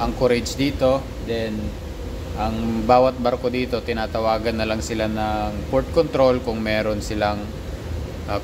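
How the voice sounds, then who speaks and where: A man's voice: fairly low pitch, background noise. A man with a Filipino accent giving a casual, informal vlog-style explanation with frequent check-in tags. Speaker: ship's officer vlogger, instructor.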